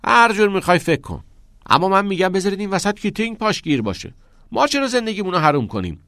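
A man's voice: mid-range voice, expressive, dry recording, clean studio sound, pitched above the performer's own voice, close to an everyday voice. A man voicing a smug, self-serving teenage schoolboy who talks in a pushy, mocking way. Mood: sneering.

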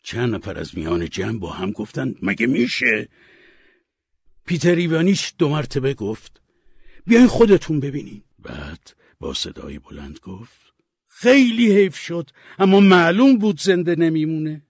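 An actor playing an agitated, blunt middle-aged court official in a radio drama, exclaiming loudly. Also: male voice, fairly high pitch, big pitch swings, creaky, husky, no room sound, clean studio sound, pitched above the performer's own voice, heavily acted. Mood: shocked. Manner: loud, exclaiming.

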